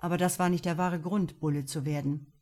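A woman's voice: on the low side, steady tone, fairly quick, mellow, lightly acted. A woman reading the lines of a male police officer who is cocky but disillusioned, in a blunt, self-mocking way. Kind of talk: audiobook dialogue reading.

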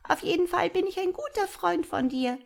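High, chirping and brisk, this is a tiny ancient bearded sprite that a woman acts out in a storybook. The voice swoops widely and answers quick as a flash, with a bossy edge. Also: expressive, vocal fry, exaggerated voice. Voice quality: soft high piping voice. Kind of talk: storybook reading.

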